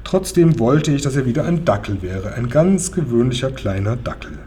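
A man voicing a sentimental older widow in a children's storybook, talking gently and wistfully. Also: medium pitch, sing-song, unhurried, slight background noise. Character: sentimental older widow, fond dog owner.

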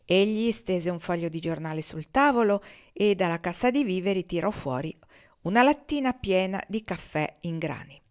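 A woman reading a novel aloud as an audiobook, with an expressive, measured delivery. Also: fairly low pitch, smooth. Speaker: audiobook reader. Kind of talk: literary audiobook narration.

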